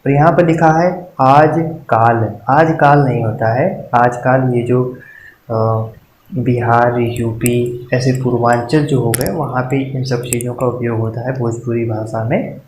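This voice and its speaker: A man's voice: medium pitch, steady tone, darkish tone. A man teaching a Hindi spelling lesson for exam preparation, explaining in a casual classroom way and often checking in with his listeners. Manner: repeats words slowly and checks in with frequent "ठीक है". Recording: echoey room with faint noise.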